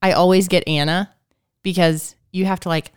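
A woman's voice: on the low side, steady tone, normal speed, clear, resonant tone, dry recording, clean studio sound. A woman co-hosting a podcast in casual chat, upbeat and explaining things plainly. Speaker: podcast co-host.

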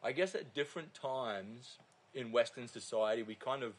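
Australian guy, medium-pitched, matey bro delivery, swears freely, relaxed conversational chat. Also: normal speed, slightly rough. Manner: laddish, bro-like, sweary, full of "man" and "dude". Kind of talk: casual chat.

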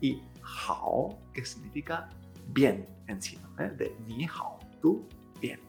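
A man's voice: mid-range voice, animated, slow pace, creaky, darkish tone, soft background music. A man, a Chinese teacher, giving a pronunciation lesson, drawing out model syllables and checking in with "¿eh?". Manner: addresses the listener directly, prompting repetition.

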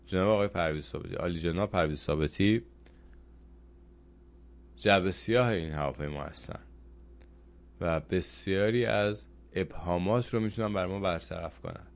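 Man, host, low-pitched voice, political commentary monologue, rhetorical questions, earnest and measured. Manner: addresses viewers directly with pointed rhetorical questions.

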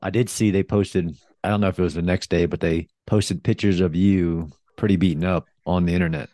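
A man hosting an interview, checking facts with his guest in a relaxed way. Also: deep voice, a little fast, dry recording, studio quality. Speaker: host. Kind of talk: interview questions.

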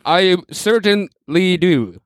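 A man voicing a boastful female robot maid in an improvised comedy bit, talking in a slow, halting, muffled robot manner. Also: high voice, animated, dry recording. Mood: deadpan robotic.

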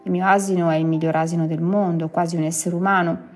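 A woman's voice: on the low side, little pitch movement, fast talker, faint music behind, close to an everyday voice. A woman reading the part of a pompous, self-important male village priest in a story, grave and lecturing.

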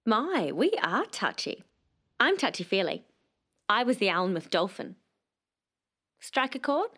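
A woman's voice: mid-range voice, big pitch swings, a little slow, fairly bright tone, breathy edge, exaggerated voice. A woman voicing a cheeky, rude talking dolphin that breezily throws out insults. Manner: breezy, tosses off casual insults.

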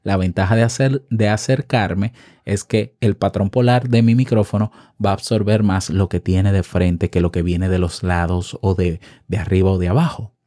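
A man's voice: deep voice, fairly even intonation, moderate pace, dark tone. A man hosting a podcast from a room at home, giving casual tips close to the mic and asking the listener questions. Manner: chatty, asks the listener questions. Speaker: podcast host. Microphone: shotgun mic held close.

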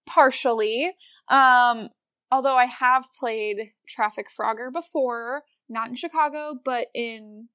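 A woman's voice: on the high side, fairly even intonation, slow pace, bright, forceful tone, no echo. An American woman co-hosting a casual comedic history podcast, with an irreverent, casually sweary way of talking. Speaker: podcast co-host.

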